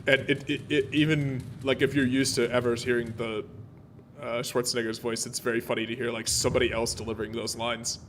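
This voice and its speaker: A man's voice: mid-range voice, level tone, fairly quick, a little hiss or hum. A man streaming a naval warship game, chatting casually and rambling with plenty of fillers and restarts. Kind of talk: casual gameplay commentary.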